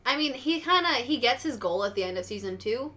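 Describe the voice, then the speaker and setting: A woman's voice: fairly high pitch, expressive, a little fast, bright, forceful tone. A woman co-hosting a casual pop-culture podcast, rambling with lots of "like" and acting out reactions in quotes. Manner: rambling, heavy use of "like", acts out reactions in quotes. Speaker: podcast co-host.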